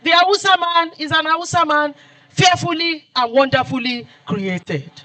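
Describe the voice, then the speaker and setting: Bright high-pitched Nigerian man lecturing. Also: a little slow, rough recording. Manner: emphatic oratory with repeated phrases. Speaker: guest lecturer. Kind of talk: formal public lecture.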